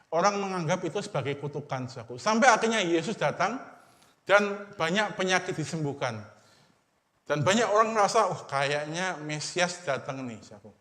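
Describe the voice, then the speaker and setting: A man with an Indonesian accent, a pastor preaching a sermon in casual everyday speech, trailing off softly at the end of phrases. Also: high-pitched. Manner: repeats a term of address after most phrases, fading to a murmur. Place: church hall. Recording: long hall reverb.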